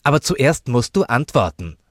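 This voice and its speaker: A man's voice: medium pitch, very animated, moderate pace, dry recording, studio quality, voice pushed up. A man putting on a cheeky foul-mouthed girl. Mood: defiant. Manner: loud, blunt, defiant.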